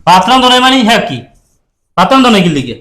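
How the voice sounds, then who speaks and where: A man's voice: high voice, very animated, rapid-fire, pushed and bright, heavily acted. An actor playing an indignant husband who complains that his wife won't cook. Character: hungry, indignant rural husband. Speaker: actor in a village comedy skit. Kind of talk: skit acting. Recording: echoey room.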